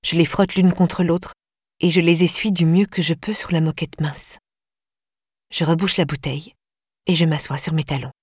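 A woman narrating a novel in the first person, with a measured, intimate delivery that slows in tense passages. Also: sits low, fairly even intonation, a little mellow, breathy edge, no echo, clean studio sound. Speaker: audiobook narrator.

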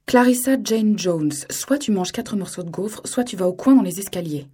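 A woman's voice: medium pitch, moderate pace, dark tone, breathy edge, close to an everyday voice. A woman reading an audiobook, voicing a tired father who speaks firmly to his daughter. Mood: stern. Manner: firm and stern. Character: tired, strained young father.

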